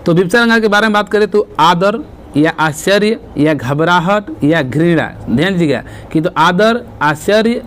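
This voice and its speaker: A man teaching grammar for exam prep. He explains step by step, reads verse examples slowly and keeps checking in with the students. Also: high-pitched, a bit bright, a little hiss or hum.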